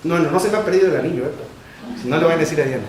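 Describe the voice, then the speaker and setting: A man preaching a sermon as pastor, emphatic and repetitive, with quick shifts between loud and soft. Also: a little high. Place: church sanctuary. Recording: echoey church room with faint noise.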